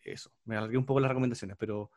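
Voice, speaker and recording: A man speaking at a rapid clip in a relaxed discussion. His voice sits at an ordinary middle pitch. He talks earnestly, circling back and restarting his phrases as he thinks. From Chile. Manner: fast, earnest, with many restarts. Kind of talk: casual panel discussion.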